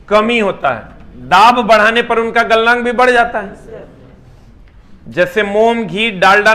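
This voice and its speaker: Bright-voiced science teacher. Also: male voice, high voice. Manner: chatty, teasing, rhetorical questions to students. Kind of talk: live online classroom lecture.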